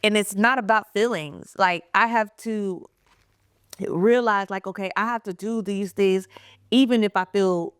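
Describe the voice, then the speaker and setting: A woman co-hosting a podcast in casual chat, animated, acting out quoted exchanges and laughing often. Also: medium pitch, unhurried, clean tone, no room sound. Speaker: podcast co-host.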